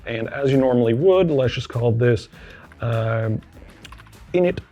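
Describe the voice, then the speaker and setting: A man presenting a homelab tutorial, talking casually through a screen-share walkthrough and thinking aloud, relaxed and self-deprecating as he clicks around. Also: medium pitch, moderate pace, dull audio, faint music behind.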